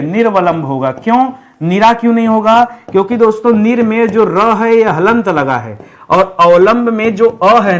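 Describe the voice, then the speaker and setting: High-voiced man drilling spelling rules. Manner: repeats and drills words, asks the class rhetorical questions; calls his listeners friends, relaxed and unhurried. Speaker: Hindi teacher. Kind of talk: online exam-prep lesson.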